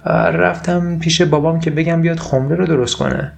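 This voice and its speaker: A man's voice: a little high, vocal fry, faint music behind, voice pushed up. A man voicing a shy, ashamed schoolboy who stammers and hesitates. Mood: timid.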